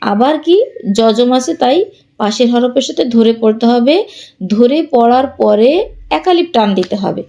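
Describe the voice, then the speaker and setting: A woman teaching Quran reading, with a Bangladeshi Bengali accent, patiently spelling out letters and vowel marks and reading each example slowly. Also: on the high side, lively intonation, mellow. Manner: patient, repetitive, explains rules then reads examples slowly. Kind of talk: spelling out and drilling letter sounds.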